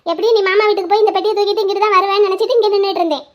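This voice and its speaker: A quarrelsome younger sister, acted by a woman pleads and complains in a very high voice. She fires off her lines at a quick pace. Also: fairly even intonation, muffled recording. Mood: pleading.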